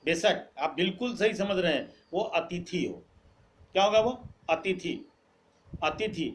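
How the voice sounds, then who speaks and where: A man's voice: sits high, slight background noise. A man teaching a grammar lesson, asking the class questions, then answering them and repeating the key words. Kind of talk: classroom-style lesson, quizzing students.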